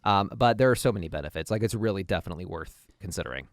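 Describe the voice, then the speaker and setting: A man's voice: low voice, expressive, racing, dry recording, studio quality. A man, a father and podcast co-host, talking in a supportive, reassuring way in casual chat.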